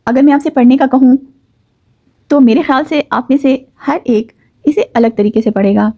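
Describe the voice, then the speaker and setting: Woman teacher explaining grammar, kinda high voice, slows down on the important bits, dry close sound. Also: warm tone, no echo. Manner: measured, slows down to stress key words; patient explaining with fillers. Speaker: Urdu teacher.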